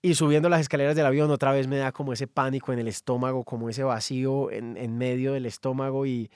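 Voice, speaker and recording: A man, a songwriter telling a personal story in an animated monologue. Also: medium pitch, fast, clean tone, dry recording, clean studio sound.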